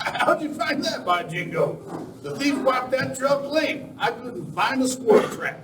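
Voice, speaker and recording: A man's voice: extremely high pitch, very animated, measured pace, heavily acted. A man playing a folksy, talkative Old West sheriff full of cowboy slang in an amateur live radio play. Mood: jovial, curious. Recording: roomy, distant, noisy live recording.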